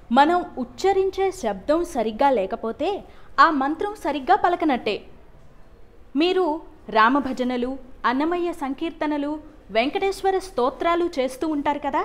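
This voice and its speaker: At a Telugu cultural festival, a young woman with a high voice speaks to the crowd like a warm teacher, getting them to repeat words. Her talk is prepared and includes a sung song.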